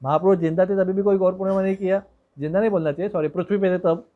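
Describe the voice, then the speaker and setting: A man preaching a devotional story in a relaxed, conversational way, with digressions and hmm fillers. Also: high voice, racing, narrow, tinny audio.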